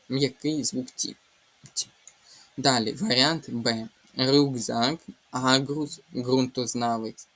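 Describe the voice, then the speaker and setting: A young man talks through exam answers like a patient tutor, at an unhurried pace. His voice has a husky edge, and he reads each option aloud before breaking it down sound by sound. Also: medium pitch, fairly bright tone. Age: young adult. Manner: explains step by step, reading options aloud and slowly spelling out sounds. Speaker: Ukrainian language tutor. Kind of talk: exam walkthrough lesson.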